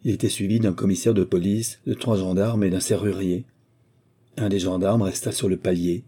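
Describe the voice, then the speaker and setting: A male audiobook narrator with a very dark, mellow tone and a husky grain. He reads in a low register at a steady, measured pace. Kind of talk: scripted narration.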